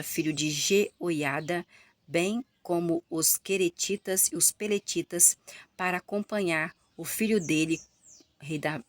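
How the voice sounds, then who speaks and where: A Brazilian woman reads scripture aloud in short, halting phrases and keeps repeating titles. She adds her own remarks along the way. Her voice sits a little low, and the sound is dry and close. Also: no echo. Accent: Brazilian Portuguese. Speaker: Bible reader. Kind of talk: Bible reading with asides.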